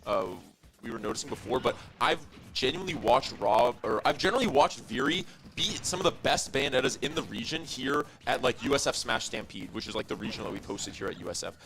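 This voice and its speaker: A young man giving fast, analytical play-by-play commentary on an esports match, shouting on big plays. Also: mid-range voice, expressive, slight background noise.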